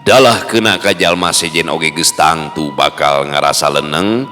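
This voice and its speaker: A man narrating a folk tale in a slow, rhythmic storytelling manner. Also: rumbling low, sharp tone. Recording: long reverb with faint music.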